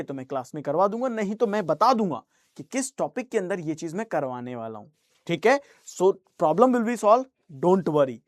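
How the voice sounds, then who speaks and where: A man's voice: fairly high pitch, dry recording, clean studio sound. Reassuring male coaching-class teacher. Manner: reassuring, mixes English phrases into Hindi. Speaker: reasoning teacher. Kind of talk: live online class, answering student chat.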